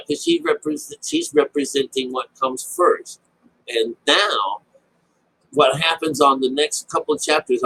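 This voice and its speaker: Here a man teaches the Bible informally as an amateur, wandering and stumbling, circling back to the same phrases, using homespun speech sprinkled with mild swearing. He sounds fairly high, creaky, husky and rather bright, on a rough recording.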